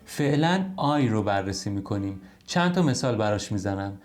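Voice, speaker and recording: A man's voice: lowish voice, expressive, a little mellow. A man teaching a recorded online language lesson, explaining each point patiently and step by step. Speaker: English teacher.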